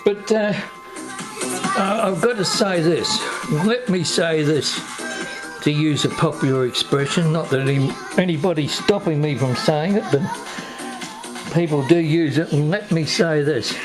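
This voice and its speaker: An Australian man hosting a casual talk to camera, rambling and digressive, hesitant and unhurried. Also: on the high side, music in the background. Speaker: video host.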